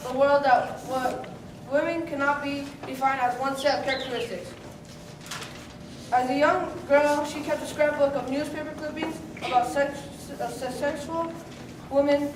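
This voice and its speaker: A woman reading a scripted introduction aloud as presenter of an amateur play. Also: high voice. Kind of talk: scripted speech read to an audience. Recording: roomy, distant mic, noise and audience sounds.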